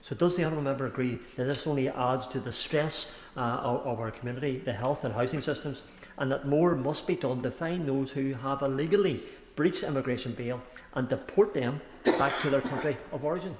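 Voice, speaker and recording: Halting, courteous man making an echoey parliament speech. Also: medium pitch, slight background noise. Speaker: member of parliament. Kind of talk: parliament speech, intervening in debate. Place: large parliamentary debating chamber. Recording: echoey large chamber.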